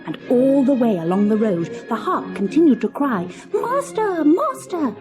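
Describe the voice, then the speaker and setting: A woman narrating a children's fairy tale from a storybook cassette in a measured, expressive reading. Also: on the high side, over music.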